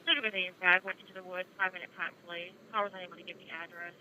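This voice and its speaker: A woman's voice: lowish voice, steady tone, very fast, pushed and bright. A woman working as a police dispatcher, giving clipped instructions to units over a radio transmission. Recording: noisy police scanner radio feed.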